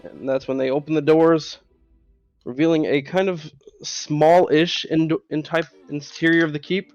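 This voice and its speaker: Male game master, higher-than-average voice, improvised and informal scene-setting over background music. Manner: casual, frequent "kind of" and "like". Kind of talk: improvised narration of a tabletop fantasy game.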